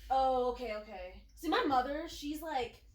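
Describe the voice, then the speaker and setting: A woman's voice: sits high, expressive, moderate pace. A woman hosting a casual interview, chatty and giggly, with plenty of "um"s. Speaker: interview host. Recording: echoey room.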